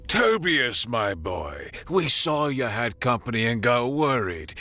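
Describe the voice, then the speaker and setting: A man's voice: medium pitch, very animated, slow, bright, forceful tone, no room sound, voice pushed up, full character voice. A man doing an oily pirate captain. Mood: mocking. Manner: oily, mockingly friendly. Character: sleazy male pirate captain, false bonhomie.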